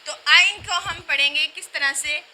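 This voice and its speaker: A woman teaching a recitation class, explaining pronunciation and slowly repeating sounds and words to demonstrate them. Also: sits high, bright, forceful tone, low-quality recording.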